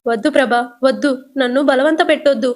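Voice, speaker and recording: A woman's voice: sits high, brisk, close to an everyday voice. A woman voicing a timid, henpecked older husband who pleads and frets. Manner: pleading, fretful.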